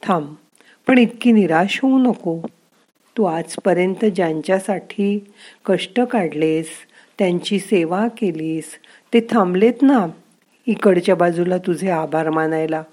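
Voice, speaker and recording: A woman voicing the narrator's own mind as a gentle, wise inner voice that coaxes and softly scolds. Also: on the low side, a little slow. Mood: gently coaxing.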